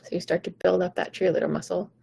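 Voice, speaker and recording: Gravelly-voiced woman coaching live. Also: fairly low pitch, flat delivery, fast talker, dark tone, rough recording. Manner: conversational, often checking in with "right?"; encouraging and upbeat. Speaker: vocal coach. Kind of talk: live-streamed coaching talk.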